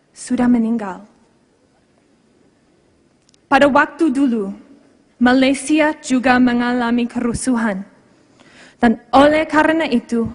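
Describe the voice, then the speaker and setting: Young woman, native English speaker, foreigner speaking Indonesian with Australian accent. High pitch, slow formal oratory, reverberant hall. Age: young adult. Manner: deliberate, emphatic phrasing with rhetorical pauses. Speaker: contestant in a public speaking competition. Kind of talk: formal prepared speech. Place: large hall, speaking to an audience.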